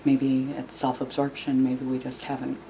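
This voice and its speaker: A woman speaking quietly in a hushed near-whisper, as if someone is asleep nearby, giving casual self-help advice in a halting, repetitive way. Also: a bass voice, completely flat delivery. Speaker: video channel host. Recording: clearly noisy room recording.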